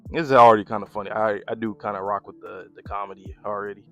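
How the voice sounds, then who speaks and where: A man's voice: lowish voice, flat delivery, fast, soft background music. Laid-back American man reacting to manga. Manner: slangy, laid-back, thinks out loud with restarts. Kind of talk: casual reaction commentary.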